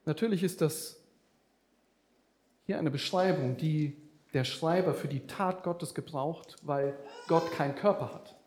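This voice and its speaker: A man's voice: a little high, a little slow, a little mellow, echoey room. A man preaching a sermon, speaking animatedly with vivid comparisons and addressing the listeners directly.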